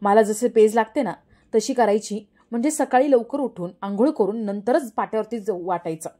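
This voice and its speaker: Stern older guru lady, scolding and commanding, a fairly high, mellow voice, read by a woman recapping a serial. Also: moderate pace, natural voice.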